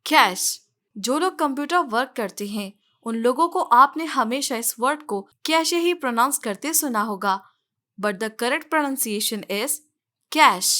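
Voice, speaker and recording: A woman's voice: a little high, lively intonation, a little slow, fairly bright tone. A woman teaching English pronunciation in Hindi, going through words one by one and correcting them. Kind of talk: pronunciation lesson.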